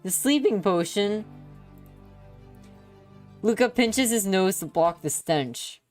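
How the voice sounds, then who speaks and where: Reading a story on her stream against background music, a woman speaks slowly in an expressive, mid-range voice with a darkish tone, her narration dramatic and playful.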